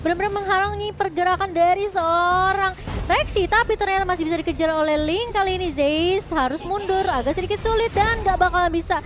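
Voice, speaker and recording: A woman giving excited, exclamatory play-by-play commentary on a video game match. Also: very high voice, a little fast.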